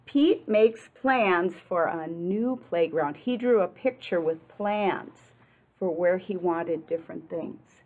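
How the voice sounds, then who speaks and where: Reading a picture book aloud in an indoor classroom, an American woman in her sixties uses a voice on the low side, sounding expressive, deliberate and teacherly. She breaks in with explanations and questions for the young listeners, and the recording is muffled and lo-fi, like a webcam.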